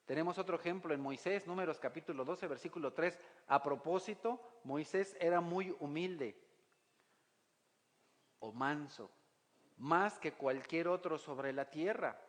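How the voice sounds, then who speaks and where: A man's voice: on the high side, measured pace, big-room sound. A man preaching a sermon, asking the congregation rhetorical questions and reading scripture aloud. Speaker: pastor.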